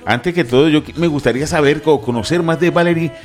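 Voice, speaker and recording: A man hosting a radio interview, warmly announcing and welcoming a guest, then asking questions in an upbeat, conversational way. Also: fairly high pitch, quick pace, soft background music. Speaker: radio host.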